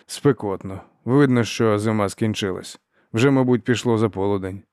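A lazy young officer, offhand and relaxed, soft and unhurried, as a man reads him. Dry, close audiobook reading. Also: on the low side, dry recording, close to an everyday voice.

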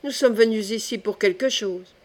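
Woman voicing romantic young nobleman, calm, stubborn, measured. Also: medium pitch, natural voice. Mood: resolute.

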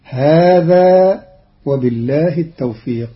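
Slow, measured male radio teacher. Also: fairly high pitch. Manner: measured, deliberate explanatory delivery. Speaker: Quran reading teacher. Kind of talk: scripted radio explanation. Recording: lo-fi archival radio recording.

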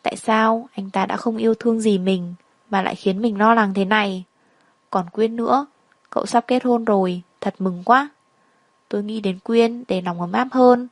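A woman narrates a sorrowful first-person story in a reflective, unhurried way. Her voice sits at a middle pitch. The recording is dry and close, with no room sound. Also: fairly even intonation, dry recording.

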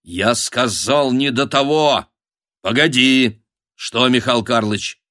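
A man voicing an imperious, gruff landowner who barks orders. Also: mid-range voice, slow, bright, forceful tone, no room sound, clean studio sound. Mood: commanding. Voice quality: gruff, barking. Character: imperious middle-aged landowner, gruff and barking. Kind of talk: audiobook character voice.

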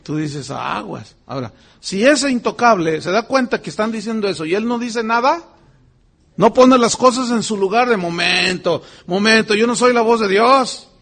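A man preaching a sermon as pastor, animated and acting out voices and exclamations. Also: high voice, normal speed.

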